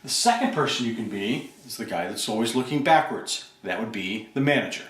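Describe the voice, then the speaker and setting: A man's voice: mid-range voice, animated, brisk, a bit bright. Man teaching business principles, echoey room. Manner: emphatic, rhetorical questions. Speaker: business coach. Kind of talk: instructional talk. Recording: roomy, distant mic.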